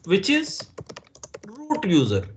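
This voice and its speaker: An instructor with an Indian English accent teaches a live online class, patiently going over points again and making sure students understand. His voice is high and swings hugely in pitch, and he speaks slowly over slight background noise.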